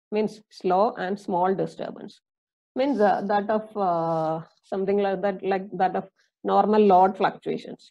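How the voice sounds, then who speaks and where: Here the same Indian-accented woman lectures on engineering, going slowly and repeating herself amid plenty of fillers. She sounds mid-range, creaky and mellow, on a recording missing its high frequencies.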